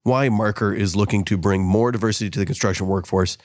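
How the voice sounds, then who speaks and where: A hoarse man hosts a casual podcast, his voice roughened by a cold. He talks quickly and joshes about himself. The sound is dry and close. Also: on the low side, fairly even intonation, dry recording. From San Diego. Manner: quick, chatty and self-mocking. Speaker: podcast co-host. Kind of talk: casual podcast chat and show intro.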